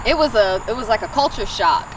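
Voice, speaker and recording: A woman's voice: mid-range voice, lively intonation, a little fast. A young American woman who laughs easily as she chats casually as an interview guest. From Maryland, United States. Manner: giggly, often breaking into laughter. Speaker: interview guest, singer-songwriter. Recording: outdoors, distant mic, clear background noise.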